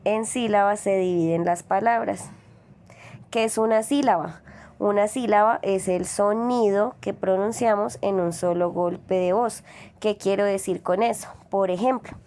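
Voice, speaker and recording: A woman's voice: mid-range voice, a little mellow. A woman teacher, giving a recorded lesson to children and stretching out syllables to demonstrate them.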